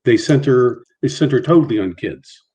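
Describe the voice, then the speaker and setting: Heard through dull audio, a middle-aged man with a warm, mid-range voice speaks in an animated way as a guest on a casual video call. He has a mild stutter, halting often and repeating and restarting many times.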